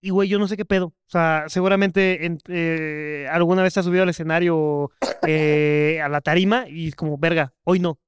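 A young man with a Mexican accent, co-hosting a podcast, who chats in a relaxed way and asks his co-hosts questions. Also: fairly high pitch, normal speed, clear, resonant tone, no room sound. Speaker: podcast co-host. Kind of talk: casual chat.

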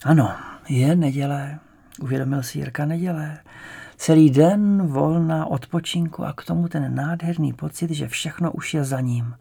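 Gravelly male audiobook narrator. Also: a little high, warm tone. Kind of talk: scripted narration.

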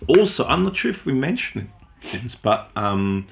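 A middle-aged man raised in Austria, a native German speaker, co-hosts a podcast with a gravelly, mid-range voice full of big pitch swings at normal speed. His casual talk rambles, packed with ums, restarts and self-corrections.

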